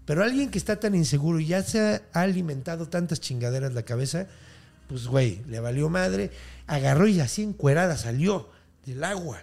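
A man's voice: on the high side, expressive, fairly quick, gravelly, a little mellow. A man telling a scary legend as a comedy, full of slang and swearing. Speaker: storytelling podcast host. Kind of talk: comedic storytelling.

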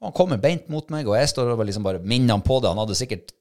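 A middle-aged man, telling a hunting-trial story in a casual chat and acting out his own thoughts and shouts. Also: mid-range voice, lively intonation. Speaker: podcast co-host, hunting dog handler.

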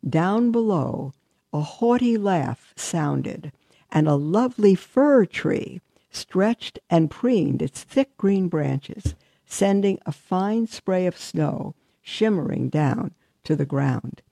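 A woman's voice: on the low side, slow pace, vocal fry, dry recording, clean studio sound. A woman religious sister hosting a live show, chatting briefly and then reading a Christmas story aloud to her listeners. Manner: warm, chatty aside, then steady storytelling.

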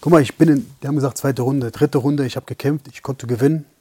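A young professional boxer tells a story in casual chat, animatedly acting out the lines of the people in it with quoted dialogue. He talks fast in a husky, mid-range voice, with no echo.

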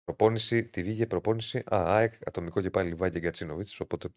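A man from Greece hosting a casual sports talk show, chatty and jokey with loose asides. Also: low-pitched. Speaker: podcast host.

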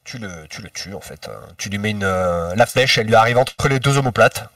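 Relaxed man running a tabletop game. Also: fairly low pitch, a little fast, no room sound. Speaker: game master. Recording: distant mic, dry, faint music.

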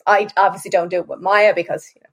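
A woman's voice: mid-range voice, level tone, fast. Woman in her forties, interviewing. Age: 40s. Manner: warm, self-deprecating, laughs easily. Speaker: podcast host. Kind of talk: casual interview chat.

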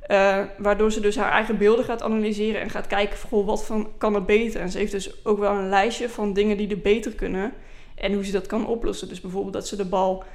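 A woman's voice: medium pitch, little pitch movement, fast, few pauses, darkish tone. A woman explaining football tactics at length in a casual podcast discussion. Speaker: women's football pundit.

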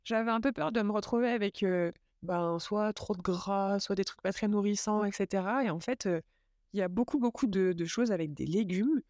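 A woman's voice: mid-range voice, moderate pace, a little mellow. A young woman talks casually into a close microphone. She sounds enthusiastic and chatty and often stops to look for her words. The sound is dry, with no room echo. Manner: chatty, enthusiastic, many fillers. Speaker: podcast host. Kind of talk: casual travel chat.

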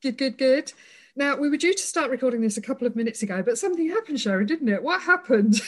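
A woman hosts a relaxed podcast conversation with upbeat enthusiasm, keen to ask questions. Her voice sits a little higher than most women's. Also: quick pace. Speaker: podcast host. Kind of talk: casual podcast chat.

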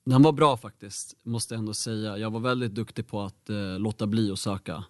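Low-voiced young man telling his story. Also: fairly even intonation, no room sound, clean studio sound. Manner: candid, reflective, with frequent fillers. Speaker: interview guest. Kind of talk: personal storytelling in a conversation.

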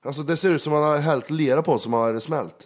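Young man with crude deadpan jokes. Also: fairly high pitch. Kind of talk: casual crude banter.

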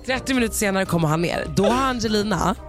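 A woman's voice: medium pitch, over music. A woman telling a funny story in casual chat, voicing the people in it and dropping English slang. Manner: animated storyteller who acts out quoted lines and mixes in English slang.

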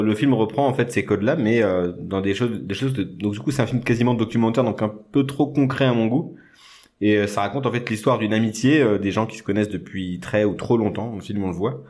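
A man's voice: lowish voice, a little mellow. A man co-hosting a casual film podcast, rambling with many restarts and jokey asides. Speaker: podcast co-host. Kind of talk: casual chat about films.

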